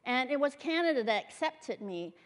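A woman's voice: high voice, animated, normal speed. Woman preaching in a reverberant church hall. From Malaysia and Singapore. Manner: conversational, earnest, with frequent fillers. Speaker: guest speaker at a church. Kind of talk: sermon with personal testimony.

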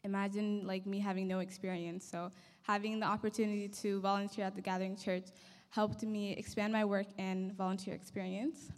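Reading quickly from notes with few pauses and little pitch movement, the young Somali guest speaker addresses a church hall. Her mid-range voice, heard through a handheld mic amid long reverb, carries earnest thanks.

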